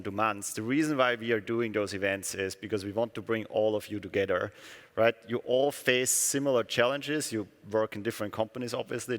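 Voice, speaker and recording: A man's voice: lowish voice, fairly bright tone. A middle-aged man who grew up in Austria, giving a conversational conference keynote and often turning to the audience with "right?". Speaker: company executive giving a keynote. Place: conference hall. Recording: long hall reverb.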